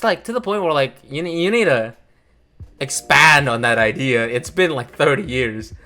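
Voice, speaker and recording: A man's voice: mid-range voice, pushed and bright. A man hosting a casual video, rambling and swearing with lots of fillers and restarts. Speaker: anime channel host. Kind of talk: casual ranking commentary.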